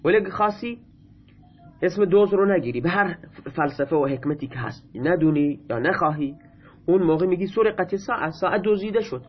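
A man's voice: high-pitched, lively intonation, husky, lo-fi sound. A man teaching Arabic grammar in Persian, reading lines of text aloud and then explaining them patiently, repeating his examples.

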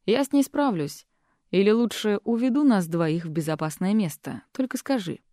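A woman voicing a calm, protective young man who speaks low and hushed in an audiobook. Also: normal speed, dry recording, clean studio sound, natural voice.

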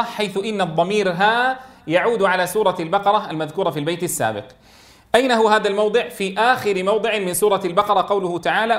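A man teaching a tajweed lesson, asking questions and answering them himself, and chanting verse lines slowly. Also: sits high. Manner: explains by asking and answering his own questions. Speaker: Quran teacher.

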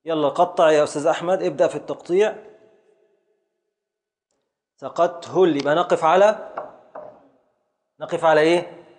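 A man with an Egyptian Arabic accent leads a classroom lesson in a somewhat high-pitched voice. He drills his students with short, repeated questions and works through each point one step at a time. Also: steady tone, normal speed, long pauses, long reverb tail. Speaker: teacher.

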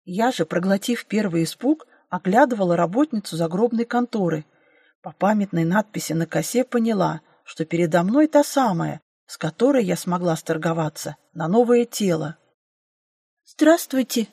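A woman narrating a first-person fantasy audiobook in a lively, wry storytelling manner. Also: fairly low pitch, normal speed, slightly rough, no room sound, studio quality.

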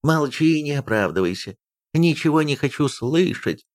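A man voicing a haughty, stern noble housekeeper who speaks loudly and nasally in a commanding way. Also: fairly high pitch, animated, normal speed, voice pushed up, natural voice. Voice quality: loud and nasal. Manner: imperious, commanding.

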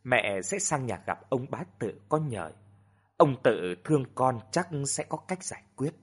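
A man voicing an older village mother who soothes and scolds in a soft, sighing way. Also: medium pitch, sing-song, a little slow, husky. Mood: worried.

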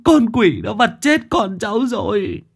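A man voicing a village mother wailing in shrill, frantic grief over her son in an audio story. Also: animated, measured pace, vocal fry, slightly rough, full character voice. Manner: shrill crying wail.

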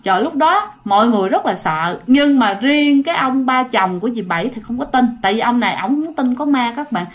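Brief: chatty female storyteller, high voice, talks straight to listeners. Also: animated, a little fast, hardly any pauses. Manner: chatty, addresses listeners directly. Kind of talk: casual ghost story narration.

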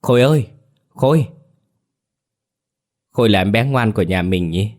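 A man voicing a young mother who coaxes her brother gently and anxiously. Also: lowish voice, quick pace, lightly acted. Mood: coaxing.

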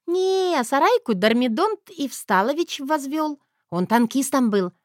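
A woman voicing a brash, mocking young granddaughter in an audiobook, with a shrill taunting delivery. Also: animated, measured pace, dry recording, studio quality.

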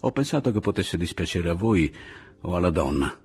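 Male narrator playing a weary, restrained demolitions man: steady, gravelly, low. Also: brisk, faint music behind, heavily acted. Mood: measured. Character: calm, tired young male dynamiter, principled.

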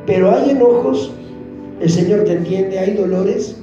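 A man's voice: sits high, a little slow, dull audio. A man preaching a fervent, pleading sermon, praying aloud as he speaks. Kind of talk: emotional sermon prayer. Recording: roomy echo with faint music.

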